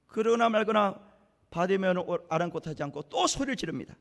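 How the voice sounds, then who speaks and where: A male pastor with a very high voice preaches to his congregation, rising and falling through a wide, animated range. His delivery is dramatic, full of storytelling and rhetorical questions. His voice rings with the long reverb of a church sanctuary. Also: brisk. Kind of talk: sermon.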